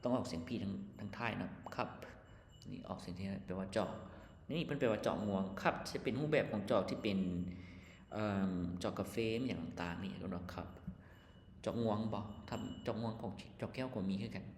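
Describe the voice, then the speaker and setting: A man's voice: lowish voice, a little hiss or hum. Lao-accented male teacher, echoey room. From Laos. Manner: explains slowly, spells words letter by letter. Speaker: English teacher. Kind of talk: casual lesson walkthrough. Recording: echoey room with long reverb.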